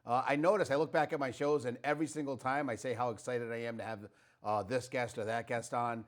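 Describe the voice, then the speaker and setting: A man's voice: medium pitch, fairly even intonation, fairly quick. A man hosting a local community talk show, chatty and rambling, with frequent fillers and restarts. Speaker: host. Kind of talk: casual interview.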